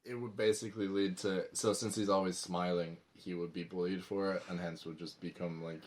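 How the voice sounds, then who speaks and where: Very low-voiced male co-host. Halting delivery, with lots of fillers between thoughts. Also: flat delivery, a little mellow. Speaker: podcast co-host. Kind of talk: casual film chat.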